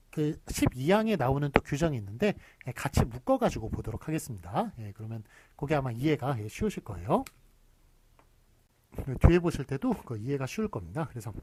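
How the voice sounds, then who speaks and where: Lively husky-voiced male lecturer. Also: medium pitch, dry recording. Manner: explains rules step by step with frequent "예" fillers. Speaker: university lecturer. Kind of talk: recorded spelling lecture.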